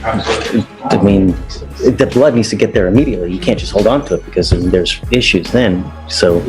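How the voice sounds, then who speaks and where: A man presiding as a judge, running a courtroom docket in a casual, friendly, brisk way. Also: lowish voice, over music.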